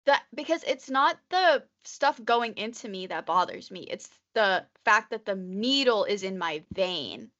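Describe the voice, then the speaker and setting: A woman in her twenties co-hosts a casual podcast, her mid-range voice bright and forceful with lively intonation, a measured pace, and hardly any pauses. She rambles in nervous chatter, constantly saying "like," and the highs are cut off.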